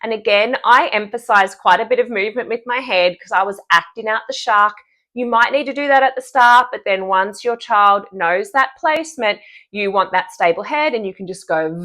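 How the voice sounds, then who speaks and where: A woman's voice: medium pitch, a bit bright. A woman speech-language pathologist explaining animal sound cues for children's speech therapy in an upbeat way, showing the sounds as she goes. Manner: upbeat, demonstrates sounds and gestures.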